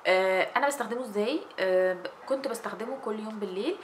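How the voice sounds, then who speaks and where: A young Egyptian woman talks quickly and chattily about a skincare serum, her hands moving as she speaks. Her voice sits at an ordinary middle pitch. A faint hum of room ambience sits under her webcam recording in a small indoor space. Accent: Egyptian Arabic. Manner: chatty, animated, gestures with her hands while talking. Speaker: beauty vlogger. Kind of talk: casual product review.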